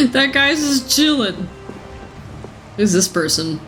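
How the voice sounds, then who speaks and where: A woman streaming her playthrough of a video game, chatting casually and joking at herself, with a voice a little rough from being sick. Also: mid-range voice, sing-song, extremely slow, fairly bright tone, soft background music. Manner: chatty, self-mocking, laughs often. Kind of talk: casual let's-play commentary.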